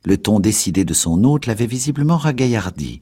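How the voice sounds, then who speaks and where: A man giving a measured, dramatic scripted narration of a novel. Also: lowish voice, animated, mellow, slightly rough. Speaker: audiobook narrator.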